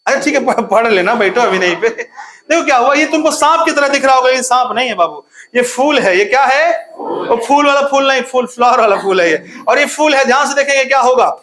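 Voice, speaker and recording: High, bright-voiced man teaching biology. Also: lively intonation, moderate pace. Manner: call-and-response questioning, playful teasing; laughs often. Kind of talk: online classroom lecture.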